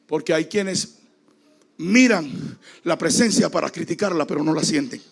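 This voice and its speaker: A man preaching a dramatic sermon as a pastor, acting out the voices in the story and rising now and then to a shout. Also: a little high, a little slow, gravelly, husky. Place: church.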